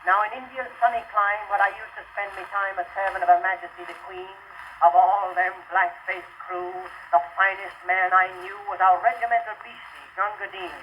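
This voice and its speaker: A man's voice: sits high, steady tone, normal speed, hardly any pauses. A man playing a boisterous British soldier in a hammy recitation of verse. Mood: storytelling, fervent. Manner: hammy theatrical stage declamation, shouting and swelling. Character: rough, boisterous old British soldier in India, reminiscing fervently. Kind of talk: 1920s dramatic verse recitation. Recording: scratchy band-limited 1920s acoustic record.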